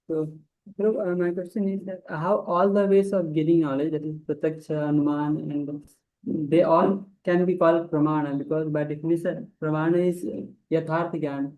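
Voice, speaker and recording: A man comes through a bad video call connection that sounds thin and phone-like. His voice sits a little high, and he gropes for words as he asks his question in the online class. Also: fairly even intonation, normal speed. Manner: hesitant, searching for words. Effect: bad connection, tinny and noisy over a video call. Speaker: student asking a question. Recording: tinny lo-fi video call line.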